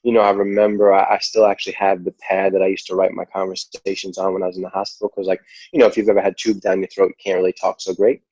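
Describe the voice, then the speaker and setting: A man with a New York accent tells his story in a loose, rambling way, leaning on "like" and "you know." His voice sits very low. The recording is dry and a little muffled. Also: quick pace, hardly any pauses, slightly rough, dry recording. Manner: relaxed, rambling, heavy use of "like" and "you know". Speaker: podcast guest. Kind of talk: casual interview storytelling. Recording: dull lo-fi audio.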